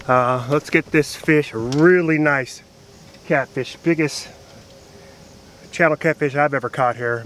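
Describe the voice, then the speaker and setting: A man in his thirties hosting a fishing vlog, talking earnestly and casually to viewers with many filler pauses. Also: on the high side, fairly bright tone, slight background noise. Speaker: fishing channel host. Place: outdoors at a riverbank.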